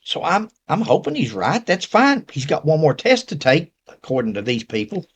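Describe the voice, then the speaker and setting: A man's voice: fairly high pitch, wildly swooping pitch, moderate pace, breathy edge. Folksy man with an Appalachian accent. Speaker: host. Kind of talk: casual talk to viewers, reading messages aloud.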